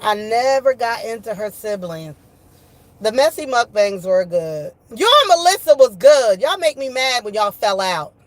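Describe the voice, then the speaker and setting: A woman's voice: fairly high pitch, big pitch swings, moderate pace. A woman chatting casually on a livestream in a slangy, profane, gossipy way, often repeating her phrases for emphasis. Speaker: online streamer talking with live chat viewers.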